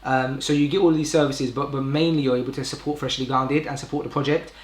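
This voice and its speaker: Fast and steady-toned, this young British man's mid-range voice carries a casual live stream he's hosting. He talks informally and ramblingly, correcting himself often, amid a roomy indoor echo.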